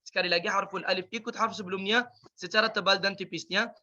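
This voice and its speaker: A man teaching a Quran recitation class, drilling pronunciation by repeating sounds slowly. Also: sits high, steady tone, pushed and bright, highs cut off. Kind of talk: tajweed pronunciation lesson.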